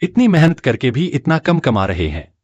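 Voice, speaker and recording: A man's voice: medium pitch, sing-song, moderate pace, a little mellow, slightly rough, lo-fi sound. A young man dubbing an earnest, determined young shop owner in a drama. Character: earnest young male entrepreneur. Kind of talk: dubbed drama acting.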